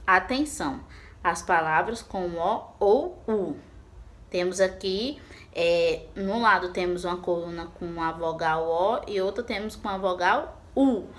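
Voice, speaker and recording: Primary teacher, woman, unhurried and patient, sing-song questions to kids. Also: fairly low pitch, a bit bright. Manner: asks questions and answers them herself. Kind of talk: remote class lesson for children.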